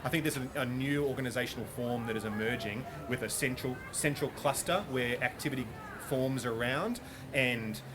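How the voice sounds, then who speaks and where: A man's voice: medium pitch, moderate pace, crowd noise. A man answering interview questions about business in a thoughtful, enthusiastic way. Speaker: business guest expert. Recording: noisy background ambience.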